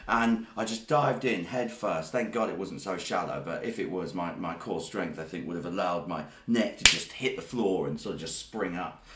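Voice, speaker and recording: This Greek-born host has a low, slightly bright voice and talks at a moderate pace with few pauses. In a comedic live stream, he rambles through a joking tall tale, recorded with roomy echo.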